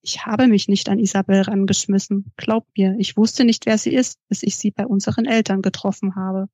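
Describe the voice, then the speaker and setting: A restless musician who presses his point with earnest pleading, as a woman reading aloud gives him voice. The tone is mellow and held flat. The recording is close, dry and dull. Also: mid-range voice, moderate pace, no echo, lightly acted. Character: restless musician, older brother, man, insistent.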